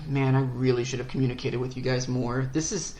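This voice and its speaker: A woman's voice: extremely low pitch, fairly even intonation, fairly quick, roomy sound, a crowd in the background. A woman co-hosting a podcast in casual chat, loose and profane, laughing easily. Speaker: podcast co-host.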